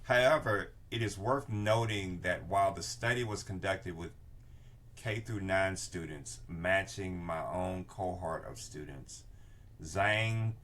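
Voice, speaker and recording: Low-voiced older man dictating punctuation. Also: slow, a bit bright. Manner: dictating spellings and punctuation item by item. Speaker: research class instructor. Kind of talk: screen-share tutorial. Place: indoor room with bookshelves, video inset.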